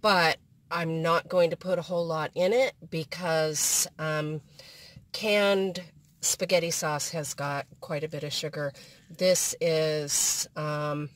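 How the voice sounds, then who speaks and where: A woman's voice: low voice, fairly even intonation, slow, dry recording. A woman vlogging casually as she cooks in her van, hesitant and full of ums. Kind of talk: casual cooking vlog. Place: inside a van kitchen.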